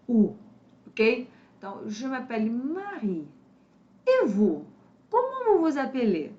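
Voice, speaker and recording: A woman with a Brazilian Portuguese accent teaching French in a casual lesson, slowly repeating sounds to demonstrate them. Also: on the high side, darkish tone, dull audio, a little hiss or hum.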